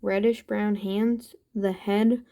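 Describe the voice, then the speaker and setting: A woman hosting a toy-building channel, walking through her builds in a casual show-and-tell with relaxed, unsure asides. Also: medium pitch, slow pace.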